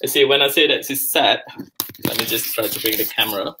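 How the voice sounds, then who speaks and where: He talks fairly quickly in a mid-range voice against a noisy background. A man in his forties, he's doing a casual live cooking demonstration in his home kitchen, chatting as he goes and thinking aloud with lots of fillers. A video call camera moving around the kitchen captures the audio.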